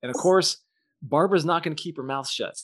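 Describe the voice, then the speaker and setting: A man's voice: fairly high pitch, fairly quick, a bit bright, dry recording, studio quality. Man co-host spinning a comic story, loose and slangy, full of fillers. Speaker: podcast co-host. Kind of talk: casual brainstorming chat.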